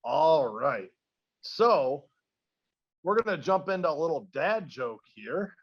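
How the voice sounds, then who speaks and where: A man's voice: a little high, very animated, takes it slowly, lo-fi sound. A man hosting a casual podcast, rambling and self-deprecating as he tells a joke. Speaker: podcast host.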